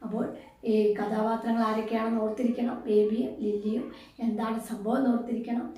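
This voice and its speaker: A woman's voice: fairly high pitch, level tone, fairly quick, dark tone, distant mic. Woman teacher in an echoey room. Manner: asks the pupils questions and answers them herself. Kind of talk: explaining a story lesson to a class.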